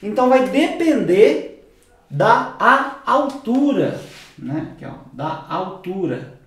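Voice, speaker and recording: A man teaching music theory at a whiteboard, explaining patiently, repeating key words and dropping his voice low for asides. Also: sing-song, slow pace. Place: room with whiteboard. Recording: very echoey room.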